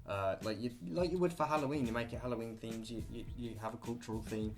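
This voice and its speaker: A man's voice: medium pitch, quick pace, soft background music. A young British man talking through a list of things to do at home, rambling and jokey with offhand asides. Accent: British English. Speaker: vlogger. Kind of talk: casual listicle monologue.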